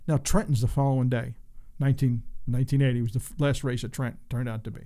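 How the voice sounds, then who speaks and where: A man's voice: medium pitch, little pitch movement, fast talker, warm tone. A man in his sixties from Long Island, New York, a former race car driver telling rambling stories as a guest and acting out the voices he quotes. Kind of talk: casual storytelling interview.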